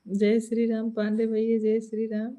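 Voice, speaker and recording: A woman's voice: a little high, completely flat delivery, normal speed, warm tone. Chatty Awadhi woman on a live stream. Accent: Awadhi Hindi. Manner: chatty, laughs often, answers viewer comments. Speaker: folk singer hosting a live stream. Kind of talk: casual live-stream chat with viewers.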